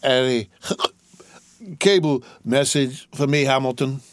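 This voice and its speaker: A man's voice: fairly low pitch, expressive, slow, vocal fry, slight background noise, voice pushed down, exaggerated voice. A man voicing a drunken, boastful rich young man who slurs, rambles and keeps breaking into laughter. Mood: drunk giggly.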